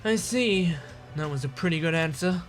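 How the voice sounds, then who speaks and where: A game player reading aloud as a calm young male student, close to the player's usual voice. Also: mid-range voice, normal speed, soft background music, lightly acted.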